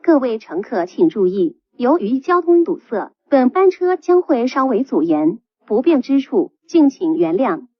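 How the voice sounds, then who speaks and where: A woman's voice: fairly high pitch, measured pace, hardly any pauses, no room sound. Woman's announcement over a bus PA. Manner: calm, even, formal. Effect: played over a bus PA system. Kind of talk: scripted public announcement. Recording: dull lo-fi PA playback.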